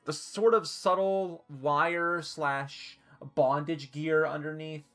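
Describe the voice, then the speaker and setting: A woman's voice: low-pitched, fairly even intonation, slow, a bit bright, soft background music. A woman live-streaming, chatting casually and swearing freely while she ranks costumes, hiccuping and a little flustered.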